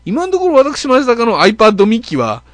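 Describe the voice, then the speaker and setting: A man's voice: extremely high pitch, huge pitch swings, normal speed, fairly bright tone, dry recording. A man with an Okayama accent hosting a net radio show, telling a grumbling, self-mocking story full of fillers. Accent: Okayama Japanese. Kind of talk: casual monologue, comic storytelling.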